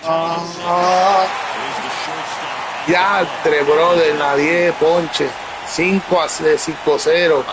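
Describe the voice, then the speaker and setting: Excitable gamer, high voice. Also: male voice, extremely slow. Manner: excitable, bursts into shouts and exclamations; talks to his audience. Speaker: gaming streamer. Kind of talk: excited live gameplay commentary. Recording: loud stadium crowd noise from the game. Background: video game crowd sound.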